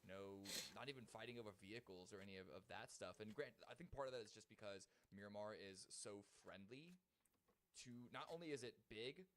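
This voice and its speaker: A man's voice: fairly low pitch, animated, fairly quick, a bit bright. A man hosting an esports broadcast in a conversational style.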